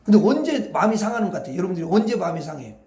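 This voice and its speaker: A man's voice: high voice, sing-song, racing, warm tone, reverberant. A man preaching a Friday night prayer sermon, asking the congregation questions as he goes. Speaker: pastor. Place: church hall.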